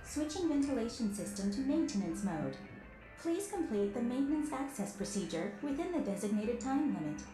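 A woman's voice: on the high side, sing-song, normal speed. A woman voicing an automated facility system that reads robotic, formal error announcements over a public-address system. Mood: announcing. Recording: echoey game audio over music. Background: game music.

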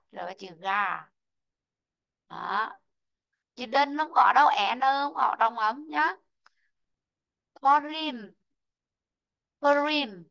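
A woman teaching an online English lesson, slowly modelling word stress and calling out students who answered right. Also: a little high, creaky, sharp tone, lo-fi sound. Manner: slow, drawn-out model pronunciations of English words; calls out student names and marks answers right.

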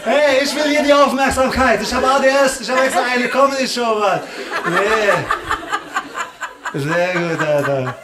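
Slangy stand-up comic, high voice. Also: male voice, normal speed. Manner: slangy and teasing, drops "Alter" and "Digga" constantly. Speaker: stand-up comedian. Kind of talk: live stand-up crowd work. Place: comedy club stage before a live audience. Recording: echoey club room with loud hiss and clicks.

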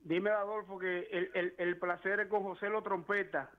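A man calling in to a TV show, warmly praising the guest. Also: sits high, little pitch movement, normal speed. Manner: warm, praising. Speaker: phone caller. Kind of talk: call-in greeting. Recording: dull phone-line call.

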